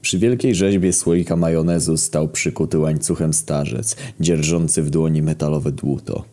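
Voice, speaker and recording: A man narrating a comedic parody story in a dry, deadpan way. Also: rumbling low, moderate pace.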